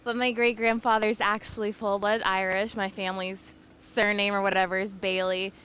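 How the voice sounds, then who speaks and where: A woman's voice: medium pitch, flat delivery, moderate pace, a bit bright, a little hiss or hum. A young woman answering in an interview in a casual way, with many "like" fillers.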